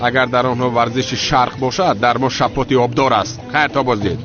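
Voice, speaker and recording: A man's voice: mid-range voice, fairly even intonation, lightly acted. Brash young brawler, played by a man, defiant, muffled TV dub. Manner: defiant, argumentative. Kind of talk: TV drama dub. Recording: dull lo-fi with loud music.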